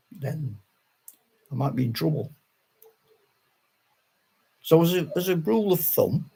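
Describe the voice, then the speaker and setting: The host of a wargaming channel, an older man with a Yorkshire accent, rambles casually to camera and pokes fun at himself, chuckling frequently. His voice is fairly high with vocal fry, a little mellow and breathy, captured in a rough recording.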